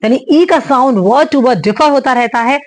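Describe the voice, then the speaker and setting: A woman teaching an English phonetics lesson, patiently explaining and repeating each sound slowly. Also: high voice.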